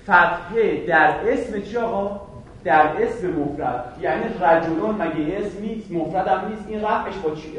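A man's voice: high-pitched, fairly bright tone, slight background noise. A man teaching a grammar lesson to a class, firing questions at the students and answering them himself. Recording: very echoey room from far off.

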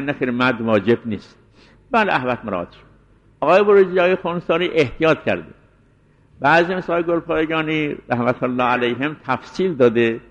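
A man giving a deliberate scholarly lecture as a seminary teacher, explaining and restating his points. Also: mid-range voice. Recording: dull lo-fi recording in a reverberant hall.

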